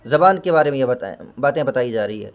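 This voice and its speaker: A man's voice: mid-range voice, animated, creaky. A man teaching an exam-prep lesson. He asks himself questions, answers them, and repeats key points with Hindi and English equivalents. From India. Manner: explains each term with Hindi and English equivalents.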